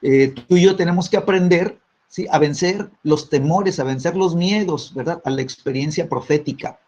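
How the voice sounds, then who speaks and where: Husky preacher man, tag questions everywhere. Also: a little high, moderate pace, a little mellow. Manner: peppers phrases with tag questions; repeats words when restarting. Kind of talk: sermon teaching. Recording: dull lo-fi recording.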